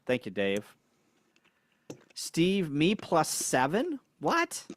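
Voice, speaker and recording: A man's voice: mid-range voice, expressive, moderate pace. A man co-hosting a ham radio livestream in casual chat. He is laid-back, chuckles often and reads viewer comments aloud. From United States.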